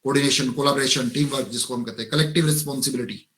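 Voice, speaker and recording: A man's voice: medium pitch, fairly even intonation, rapid-fire, a bit bright. A man with an Indian accent giving a motivational lecture in an online webinar, listing points and often checking in with listeners. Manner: lecturing, mixes English terms and lists, frequent "है ना?" tag. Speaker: webinar resource speaker. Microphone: video call.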